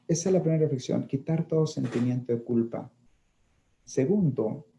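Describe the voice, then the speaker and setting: Middle-aged male priest, very warm dark timbre; reflective conversational homily. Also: mid-range voice, gravelly, lo-fi sound, a little hiss or hum. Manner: reflective, often checks in with listeners with tag questions. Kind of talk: conversational talk on grief.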